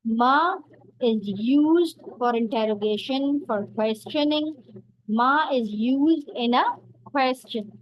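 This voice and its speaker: A woman teaching a beginner Arabic lesson, explaining slowly and patiently and repeating each word for learners. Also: a little high, highs cut off, a little hiss or hum.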